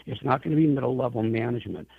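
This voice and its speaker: Speaking very fast in a medium-pitched voice with vocal fry and slight roughness, this man comes through a tinny, narrow phone line on a dry recording. As an airline trade association's chief executive guesting on radio, he gives advocacy answers and pushes his argument hard with pointed rhetorical questions.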